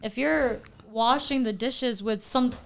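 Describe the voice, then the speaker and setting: A woman chatting as a podcast guest, her voice sitting a touch high. She rambles with lots of fillers and trailing thoughts. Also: slow, gravelly. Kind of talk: casual chat.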